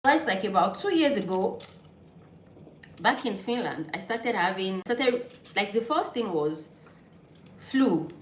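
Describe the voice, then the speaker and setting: A woman from Nigeria, Yoruba her first language, chats slowly and easily with her viewers while she cooks at home. She suffers from an allergy, and her voice rings around an echoey kitchen. Steady noise sits clearly behind her. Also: mid-range voice. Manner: chatty, easygoing, thinking aloud. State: pollen allergy, sneezing. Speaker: vlogger. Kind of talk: casual cooking vlog chat with live viewers.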